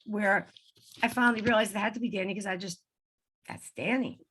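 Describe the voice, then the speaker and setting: A woman in her seventies, a guest on an interview show, telling a personal story in a lively conversational way and acting out the voices she quotes. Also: medium pitch, fairly quick, slightly rough. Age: 70s. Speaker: guest, medium.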